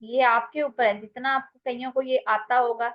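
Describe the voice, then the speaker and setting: A woman's voice: on the high side, flat delivery, moderate pace, muffled recording. A woman with an Indian English accent teaching English grammar in an online class, mixing Hindi and English and calling her students "beta".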